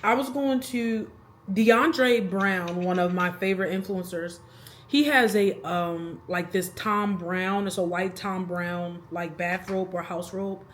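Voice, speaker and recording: A woman in her thirties chats casually to the camera in a rambling vlog, laughing between thoughts. Her voice is on the low side and she speaks slowly.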